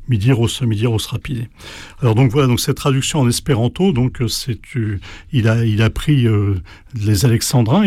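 A man's voice: mid-range voice, mellow, no room sound. A man in an interview explaining translation, often hesitating and restarting with many fillers. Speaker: interview guest.

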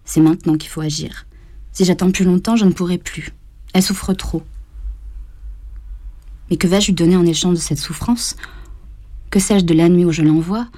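A woman voicing a grown daughter at her dying mother's bedside, thinking in a tense, hurried inner voice. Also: fairly low pitch, fairly even intonation, mellow, lightly acted. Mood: anguished.

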